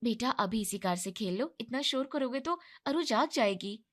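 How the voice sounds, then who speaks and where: A woman's voice: a little high, expressive, moderate pace. A woman voicing a tired, put-upon young wife who sounds weary and resentful, in a storybook narration.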